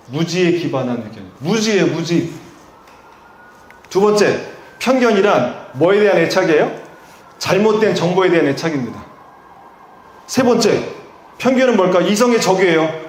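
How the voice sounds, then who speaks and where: Heard in an echoey room, this high-pitched male preacher hails from Chungcheong, Korea, and speaks with that region's accent. His sermon moves from rhetorical questions aimed at the congregation up to emphatic peaks.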